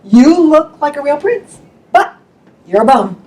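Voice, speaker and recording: A woman voicing a clever young princess who flatters eagerly. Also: high-pitched, measured pace, far from the mic, voice pushed up. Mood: flattering.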